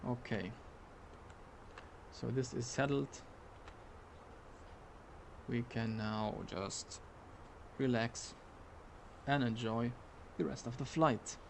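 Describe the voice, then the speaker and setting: A man's voice: mid-range voice, very slow, creaky, pauses often, slight background noise. A man live-streaming a flight simulator, thinking aloud and muttering hesitantly as he works through tasks. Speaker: flight sim streamer playing airline pilot.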